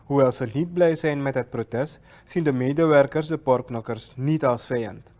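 News reporter, man, measured formal voice-over. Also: mid-range voice, a little mellow. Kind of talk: scripted news narration.

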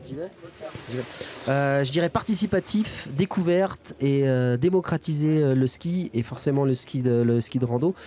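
A young man, a guest freeride skier, talks casually and hesitantly in a colloquial way during an interview. His voice is mellow and medium-pitched at a moderate pace. He speaks into a handheld reporter microphone outdoors at a snowy ski resort event.

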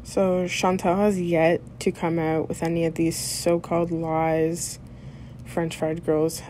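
A woman's voice: on the low side, flat delivery, slow pace, mellow, a little hiss or hum. A woman hosting a reaction video, giving sarcastic commentary that rebuts the clip.

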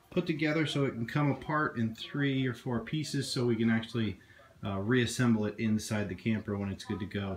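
Relaxed man vlogging in a camper. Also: medium pitch, a little hiss or hum. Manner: relaxed, with frequent fillers. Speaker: vlogger host. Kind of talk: casual walkthrough narration. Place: inside a small camper. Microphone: phone camera at arm's length.

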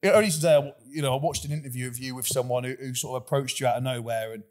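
A man's voice: medium pitch, rapid-fire, a little mellow. Rambling male podcast host. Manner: rambling, repeats words when he starts a sentence; laughs often between lines. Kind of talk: casual podcast chat.

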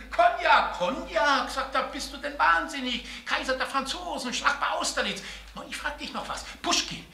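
An actor playing an older stand-up entertainer, animated in his jokes and bitter when he is hurt. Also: very high-pitched, unhurried, vocal fry, roomy sound, full character voice. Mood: joking. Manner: animated joke telling, then bitter and sharp. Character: aging entertainer, vain and touchy.

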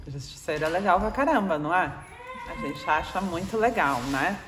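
A woman's voice: on the low side, expressive, fairly quick, fairly bright tone. Brazilian woman talking to a crowd, keeps asking them stuff, roomy hall with long reverb. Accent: Brazilian Portuguese. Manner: chatty, keeps asking the audience for replies. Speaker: speaker addressing an audience. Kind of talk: informal spiritual talk to a live audience. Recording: echoey hall with faint noise.

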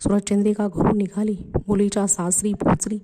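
A woman narrating a devotional folk story slowly and expressively, voicing the characters' lines herself. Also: mid-range voice, very noisy. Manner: slow, expressive reading with voiced dialogue.

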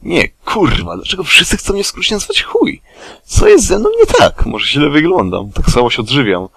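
A man's voice: huge pitch swings, moderate pace, vocal fry, fairly bright tone, slightly rough, dry recording, heavily acted. A man voicing a foul-mouthed old witch woman who whines and shrieks in indignation. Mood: indignant. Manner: whiny, indignant, shrill outbursts.

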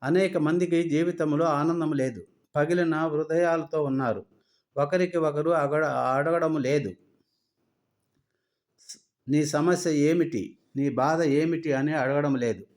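A man preaching a sermon, earnestly reciting scripture references in quick runs. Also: on the high side, fairly even intonation, darkish tone.

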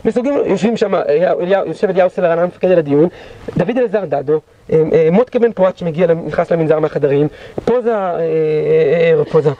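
A man leading a guided history tour, telling battle stories dramatically and acting out the shouts of those involved. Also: on the high side, no room sound. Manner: dramatic storyteller, acts out quoted shouts. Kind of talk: guided tour storytelling lecture. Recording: dull lo-fi recording.

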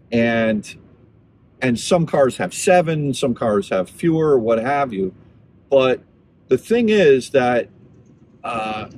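A man who reviews electric vehicles rambles casually inside his car, thinking out loud as he drives and charges. His voice is mid-range and darkish, with a little hiss or hum in the recording.

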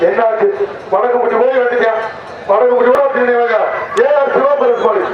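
High-voiced man announcing over a loudspeaker. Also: fairly even intonation. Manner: shouting rapid repeated cheers and warnings. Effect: through a loudspeaker. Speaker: event announcer. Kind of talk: live commentary. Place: outdoor festival arena. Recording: echoey distant loudspeaker, muffled. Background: crowd noise.

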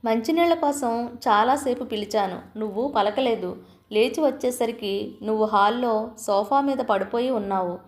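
A woman's voice: a little high, normal speed, close to an everyday voice. A woman voicing an older husband who pleads tearfully for his wife's forgiveness in an audio story. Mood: remorseful.

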